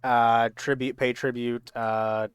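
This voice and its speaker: A man narrating a tabletop game as game master in a halting, informal, slangy way. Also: medium pitch, little pitch movement, smooth, no room sound.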